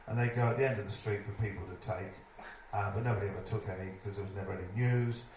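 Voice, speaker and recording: A man telling a lively stage anecdote, putting on other people's voices as he goes. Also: lowish voice, fast talker. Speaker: storyteller at a live evening event. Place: live event venue, indoors. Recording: echoey room, distant mic, noisy.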